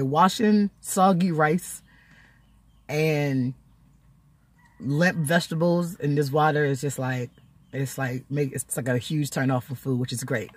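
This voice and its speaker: A woman's voice: low voice, husky, dry recording. A woman talking casually in a video diary, chatty and close to tears, laughing now and then. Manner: chatty, laughing often, emotional. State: tearful, close to crying. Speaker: vlogger.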